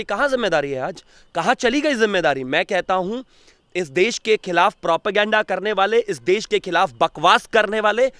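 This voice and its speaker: A man's voice: high-pitched, fairly bright tone, smooth, no room sound. Agitated man firing rhetorical questions. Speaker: political analyst. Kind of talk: heated political commentary.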